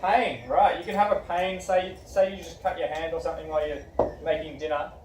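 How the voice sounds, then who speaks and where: A man's voice: on the high side, fairly even intonation, brisk. Man teaching a class, recorded from afar. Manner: encouraging, asks questions. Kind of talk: classroom discussion. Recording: echoey room from far off, faint background noise.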